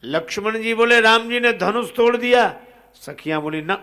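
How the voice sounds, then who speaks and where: A man telling a devotional story and moving between recited verses and spoken narration, with an expressive delivery. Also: high voice, normal speed, clean tone, soft background music.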